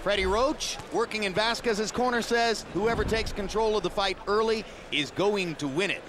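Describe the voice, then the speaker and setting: A male sports commentator calls a fight from ringside. His voice is high for a man. The broadcast carries plenty of arena noise. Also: normal speed. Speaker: boxing play-by-play commentator. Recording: noisy live arena broadcast.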